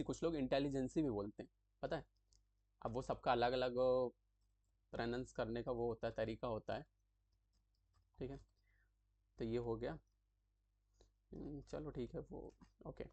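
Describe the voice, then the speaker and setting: A man giving a casual tutorial, explaining acronyms in a chatty way, often repeating terms slowly and checking in with the listener as he writes them out. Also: mid-range voice, darkish tone, no echo.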